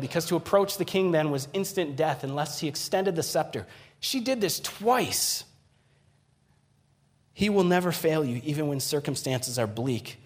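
A man preaching a sermon, earnest, building to emphatic peaks and dropping to hushed, quiet lines. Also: on the high side. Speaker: pastor.

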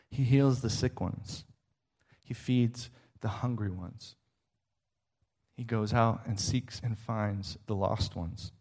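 A man's voice: fairly low pitch, darkish tone. Emphatic middle-aged man preaching. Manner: emphatic, rhetorical questions. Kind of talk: sermon.

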